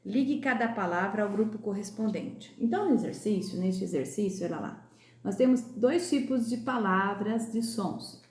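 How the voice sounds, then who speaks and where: A woman from Brazil teaching young pupils in a recorded class lesson, sounding out words slowly and clearly. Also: medium pitch, a little mellow, roomy sound. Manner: slow, clear, drawn-out pronunciation of sounds. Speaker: primary school teacher.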